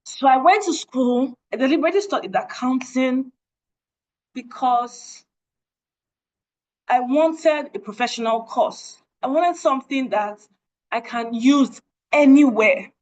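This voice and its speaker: A young woman with a Nigerian accent speaks in earnest, sharing a personal testimony with a group online. Her voice sits fairly high, and she leans on repeated phrases to drive her points home. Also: measured pace, a little mellow, poor audio. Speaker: guest speaker. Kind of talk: testimony talk at an online meeting.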